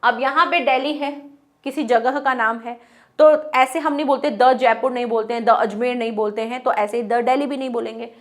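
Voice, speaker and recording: High-voiced woman teaching grammar. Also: steady tone. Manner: explains step by step, asks and answers her own questions; reads English sentences slowly and deliberately. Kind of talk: online grammar lesson.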